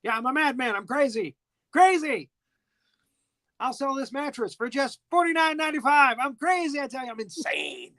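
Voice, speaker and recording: A podcast host acting out a man in a cell who loudly pretends to be crazy, in a comic manic voice. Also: high-pitched, normal speed, dry recording, studio quality, pitched above the performer's own voice. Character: man faking madness in a jail cell.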